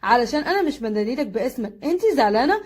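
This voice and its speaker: A woman's voice: on the high side, expressive, very fast. A woman voicing a clueless, apologetic young husband in an anime recap, speaking in an Egyptian Arabic accent. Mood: flustered.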